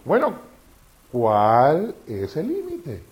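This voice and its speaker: A man's voice: on the high side, drawn-out words, lo-fi sound. A man preaching a sermon, often asking the congregation questions. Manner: animated, asks the congregation questions.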